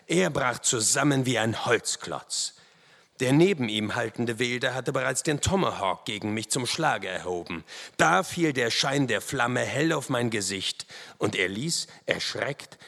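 Slow, gravelly dramatic male storyteller. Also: medium pitch. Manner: dramatic, expressive. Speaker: audiobook narrator. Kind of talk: dramatic first-person story reading. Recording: long hall reverb.

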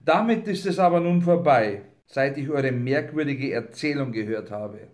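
A man reading aloud as a calm, sly frontiersman who speaks firmly and with mild mockery. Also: medium pitch, moderate pace, close to an everyday voice. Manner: cool, firm, mildly mocking.

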